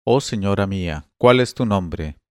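A man's voice: low-pitched, expressive, a little slow, smooth, dry recording, studio quality. A man voicing a patient, courteous older merchant who bargains in a coaxing tone in a read-aloud tale. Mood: polite, coaxing.

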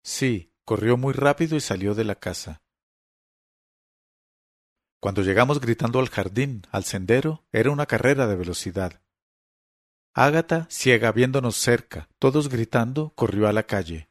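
At a moderate pace, a man with a mid-range voice narrates an audiobook in a steady, dramatic storytelling style. The recording is dry and studio quality.

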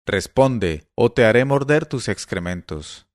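A man's voice: fairly low pitch, lively intonation, measured pace, no room sound, clean studio sound. A man voicing a stern, commanding efrit spirit. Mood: threatening.

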